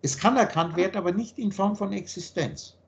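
A man giving an earnest philosophical teaching monologue on a video call, slowing down to stress key points. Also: sits high, lively intonation. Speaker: spiritual teacher.

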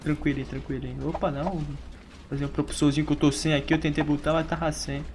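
A man's voice: fairly high pitch, little pitch movement, fast talker, noisy background. A young Brazilian man rambling and joking to himself as he plays a battle royale game. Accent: Brazilian Portuguese. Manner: rambling, playful, talks to himself while playing. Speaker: gaming youtuber. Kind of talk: casual gameplay commentary.

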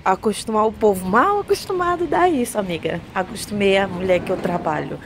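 A woman's voice: mid-range voice, lively intonation, fairly quick. A woman chatting expressively to her viewers in a casual vlog. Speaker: vlogger. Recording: noisy handheld recording.

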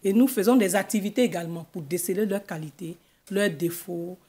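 A middle-aged woman with an Ivorian French accent, a school guidance counselor explaining things in a measured way in a TV studio interview. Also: on the low side, warm tone, husky. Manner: measured, explanatory, gestures with her hands. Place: TV news studio. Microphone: desk microphone.

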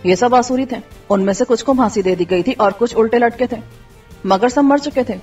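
A woman reading a first-person adventure story aloud in steady scripted narration. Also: a little high. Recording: dull distant recording with faint music.

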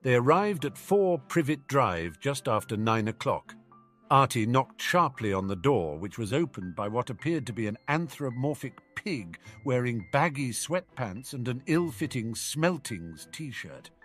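A man narrating a fan-fiction audiobook with expressive storytelling. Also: mid-range voice, unhurried, soft background music.

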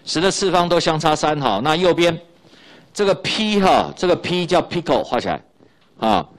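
Male physics teacher, Taiwanese Mandarin accent, middle-aged, animated up-and-down delivery, chatty, repeats himself. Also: a little high, normal speed. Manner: chatty, repeats key points, tags lines with "ha" and "you know". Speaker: high school physics teacher. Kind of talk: recorded classroom lecture.

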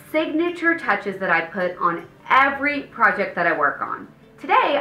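A woman's voice: fairly high pitch, sharp tone. A woman in her thirties hosting a home design video, giving a polished, upbeat scripted presentation to camera. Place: indoor studio set with paneled wall. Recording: roomy echo, faint background music.

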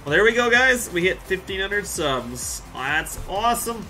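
A man's voice: sits high, very animated, a little slow, sharp tone, faint music behind. A man, live streaming a farming game and chatting casually with viewers in a rambling, joking way. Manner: laid-back, rambling, joking with chat.

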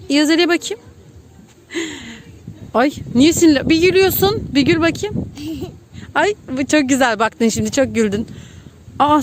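A Turkish-accented woman, a mother filming her small child at an outdoor playground, coaxing him along, counting and cheering in a playful way. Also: sits high. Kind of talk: casual chat with a toddler.

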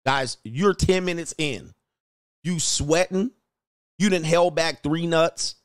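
Male reaction host, lively and joking, acts out quotes, slightly high pitch, dry close mic. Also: slow pace, smooth, dry recording. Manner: animated, slangy, acts out quotes and laughs often. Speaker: commentary channel host. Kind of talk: casual reaction commentary.

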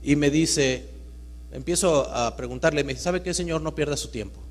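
A man giving a live talk to an audience, swinging between loud emphatic bursts and hushed storytelling. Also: fairly high pitch, moderate pace. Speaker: motivational speaker. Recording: reverberant hall with mains hum.

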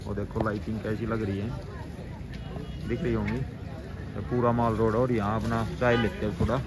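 A man's voice: on the low side, level tone, normal speed. A man hosting a casual travel vlog, chatting outdoors by a car at night, talking to viewers and friends as he goes. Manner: chatty, keeps addressing viewers and friends as "bhai". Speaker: travel vlogger. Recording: outdoor street noise.

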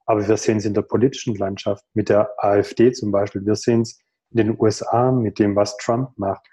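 Man in his thirties on a video call, mellow and warm, thoughtful and earnest delivery with pauses. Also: on the low side, level tone. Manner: thoughtful, earnest, rhetorical questions, many pauses. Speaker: guest in a video call conversation. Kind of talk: reflective conversational explanation. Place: home room.

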